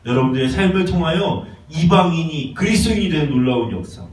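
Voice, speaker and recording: Impassioned preacher in an echoey church. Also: male voice, fairly high pitch, expressive, fast, distant mic. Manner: impassioned, swings from shouting to hushed pleading. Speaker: pastor. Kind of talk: sermon. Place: church sanctuary.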